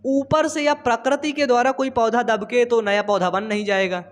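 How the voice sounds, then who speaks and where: Young male biology tutor, high voice, teasing and chatty, informal classroom delivery. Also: fairly even intonation, moderate pace. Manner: chatty and teasing, tells students to write along. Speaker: biology teacher. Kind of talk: casual classroom lecture. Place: home studio.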